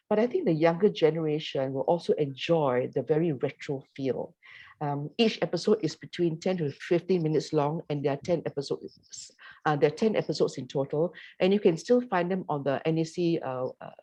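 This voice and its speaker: A woman who is a producer and playwright, explaining her radio play in a measured way with occasional ums. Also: deep voice, warm tone, poor audio. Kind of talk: prepared talk on a panel.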